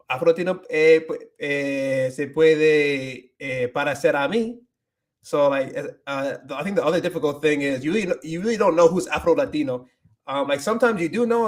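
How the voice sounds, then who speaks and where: Viewer questions get loose, meandering answers from this young livestream host, whose slightly high voice is peppered with fillers and false starts. When he drifts into Spanish, he speaks with a Dominican accent.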